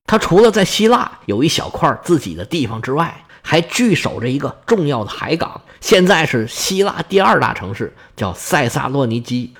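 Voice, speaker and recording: A man telling ancient history as a casual, lively story with joking asides. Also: fairly high pitch.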